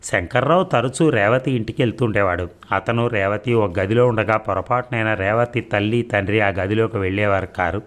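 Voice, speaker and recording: A man narrating an audio story in a steady, measured reading. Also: on the low side.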